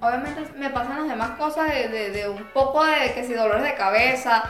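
A woman speaking frankly in a casual chat, telling stories and trailing off softly. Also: a little high, brisk, roomy sound, soft background music. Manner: frank, storytelling, trailing off quietly. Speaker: podcast guest.

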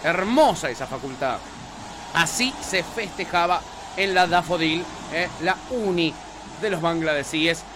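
A man's voice: fairly high pitch, expressive, unhurried, background noise. A man with an Argentine accent hosting a casual, joking radio chat and reading out listener messages. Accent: Argentine Spanish. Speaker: radio show host.

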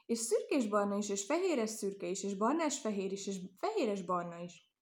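A woman's voice: mid-range voice, big pitch swings, a little mellow, close to an everyday voice. A woman reading aloud and voicing chattering, giggling young lamb sisters. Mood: giggly.

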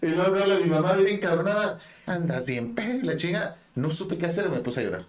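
Young man from Mexico City, easygoing co-host swearing casually, slightly high voice over a noisy crowd. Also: animated, fast, roomy sound. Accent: Mexican Spanish. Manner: laid-back, swears freely, ends lines with filler slang. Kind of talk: casual chat, storytelling.

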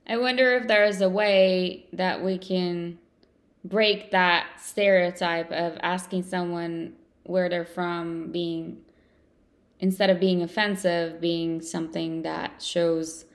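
A woman speaks as a podcast host with a noticeable vocal fry. Her pitch is average and stays fairly even as she chats and puts questions to a guest. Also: takes it slowly. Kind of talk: conversational interviewing.

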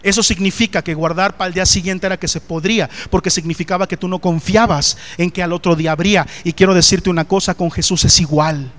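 High-voiced preacher. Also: male voice, fast talker, few pauses. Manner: animated, questions the congregation directly. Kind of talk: sermon.

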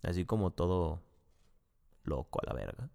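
A man's voice: sits low, very animated, moderate pace, vocal fry, warm tone. A man with a Mexican accent giving a casual, profane, rambling spoken review full of slang and restarts. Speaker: video reviewer.

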